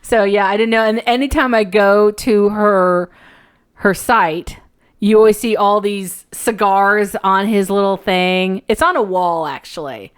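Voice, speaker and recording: A woman hosting a podcast in casual chat, telling stories in an animated way and laughing often. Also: mid-range voice, unhurried, clear, resonant tone. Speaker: podcast host.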